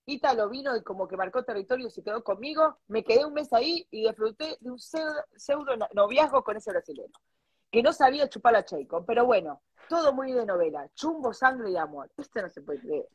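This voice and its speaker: A woman's voice: fairly high pitch, expressive, a little fast, husky, no room sound. A woman with an Argentine Spanish accent co-hosting a casual live stream, reading out listener stories with crude, mocking asides.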